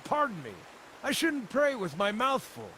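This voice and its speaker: A man's voice: very high voice, very animated, normal speed, sharp tone, slight background noise, exaggerated voice. An actor voicing a cheerful, wry wandering male druid in a fantasy video game. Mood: wry friendly.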